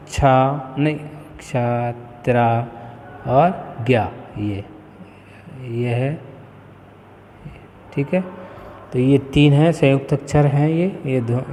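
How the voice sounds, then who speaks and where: A man teaches in a slow, deliberate way, spelling words out one by one and tagging points with a quick "okay." His voice sits at an ordinary middle pitch. A long reverb trails after each phrase. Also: mellow, a little hiss or hum. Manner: slow, deliberate word-by-word explanation with frequent "ठीक है". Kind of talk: spoken lesson.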